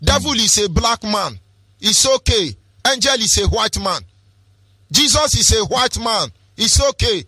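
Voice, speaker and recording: A man's voice: high-pitched, animated, a little slow, pushed and bright, breathy edge, dry recording. A man with a Nigerian accent, hosting a radio show and preaching in an impassioned, sing-song, rhetorical way. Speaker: radio host.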